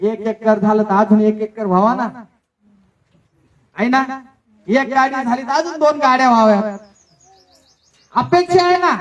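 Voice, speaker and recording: A man preaches a sermon in a strikingly high voice. He keeps throwing rhetorical questions at the crowd and parrots boastful givers in repeated sing-song chants. His voice comes from a step or two away from the microphone. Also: fairly bright tone, recorded from a distance. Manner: rhetorical questions and call-and-response. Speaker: pastor.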